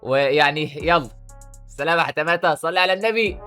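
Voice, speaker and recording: A man's voice: fairly high pitch, fast, over loud music. A man with an Egyptian Arabic accent giving teasing reaction commentary, often stammering and repeating words. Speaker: YouTuber.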